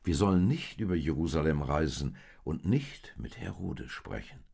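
A man's voice: very deep voice, expressive, moderate pace, gravelly, darkish tone, slightly rough, exaggerated voice. A man doing a solemn storybook traveler. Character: solemn male traveler telling his dream. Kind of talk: storybook reading.

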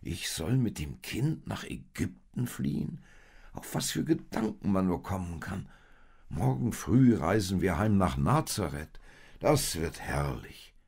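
A man voicing a doubting young husband in a storybook, calm and reasoning, in a low gravelly voice. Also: a little slow, heavily acted. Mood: doubtful.

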